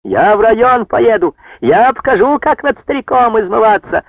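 A man voicing an older male farm foreman who shouts in indignant protest. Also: sits high, lively intonation, normal speed, vocal fry, no room sound, pitched above the performer's own voice, full character voice. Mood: outraged. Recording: dull dry lo-fi recording.

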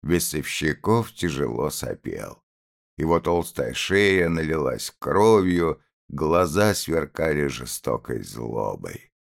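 Guy reading an old novel aloud, really deep voice, slow and measured. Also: big pitch swings, gravelly. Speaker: narrator. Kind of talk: audiobook reading of a classic novel.

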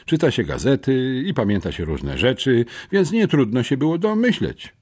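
A sarcastic teenage boy detective with the soul of a grumpy old man, voiced by a male audiobook reader. He speaks dryly and sourly, philosophizing, pitched above the reader's own deep voice. The tone stays dark and husky. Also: sing-song, normal speed. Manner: dry, sour, philosophizing.

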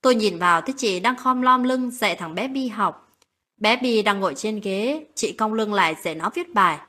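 A woman narrating a late-night romantic story in a calm, steady reading voice. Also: medium pitch, normal speed.

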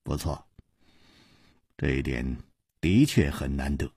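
A man voicing a calm, urbane hero swordsman who speaks low and softly. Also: slightly rough, no room sound, clean studio sound, full character voice. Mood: composed. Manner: low, soft, unhurried.

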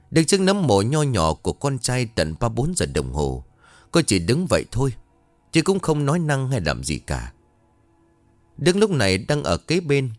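A man narrating a scripted ghost story with a measured storytelling cadence. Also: on the low side, no room sound.

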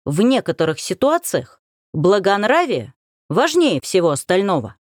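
A woman's voice: medium pitch, sing-song, no room sound, studio quality. A woman playing a stiff, stern young officer. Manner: measured, stiff and formal. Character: stern young man, strict officer cousin.

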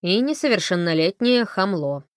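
A woman voicing a big, gruff man who speaks flatly and dryly. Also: medium pitch, normal speed, no echo, lightly acted. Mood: deadpan. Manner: flat, dry, even. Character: blunt, gruff large man, deadpan.

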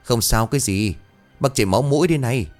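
A man's voice: mid-range voice, fast, a little mellow, soft background music, pitched above the performer's own voice, lightly acted. A man voicing a worried villager at a funeral who urgently insists someone go rest.

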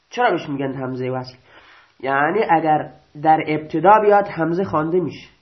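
A male teacher gives a grammar lecture, reading out rules, restating them slowly, and often asking and answering his own questions. His voice is a little high, captured in a dull lo-fi recording.

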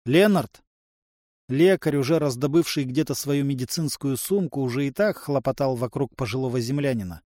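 A man's voice: a little fast, few pauses, dark tone, dry recording. Man narrating an audiobook, dry studio. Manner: voices characters by raising pitch. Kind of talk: scripted narration.

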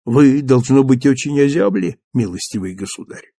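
A man voicing a kindly elderly bishop with a soft, calm and gentle manner in an audiobook reading. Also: mid-range voice, normal speed, creaky, slightly rough, no room sound, clean studio sound, full character voice.

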